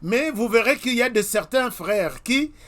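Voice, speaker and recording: A man's voice: extremely high pitch, lively intonation, normal speed, a bit bright. A Congolese man hosting his own web TV channel, talking straight to his viewers in an emphatic commentary monologue full of repeated warnings. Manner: emphatic, repeats warnings, addresses listeners directly. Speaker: web TV host.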